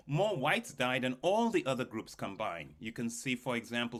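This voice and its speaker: Speaking to an audience as an academic keynote speaker, a man with a mid-range, slightly bright voice explains data with emphasis. He talks straight to his listeners, raising rhetorical questions and answering them himself.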